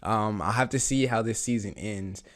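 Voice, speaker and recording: Still raspy from a recent flu, this male reaction-channel host has a lowish voice and a moderate pace. His casual commentary on a TV episode wanders eagerly, packed with fillers and false starts.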